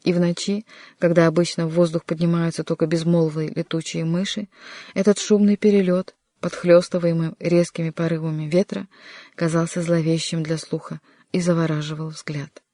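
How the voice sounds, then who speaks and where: An audiobook narrator reading a historical adventure novel in an even, measured way. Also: mid-range voice, no echo, clean studio sound. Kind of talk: scripted narration.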